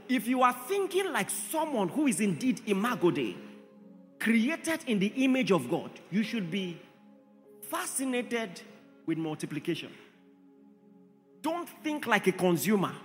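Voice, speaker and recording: A man's voice: extremely high pitch, a bit bright, in a large hall. A man preaching a sermon, emphatic, often asking the congregation rhetorical questions.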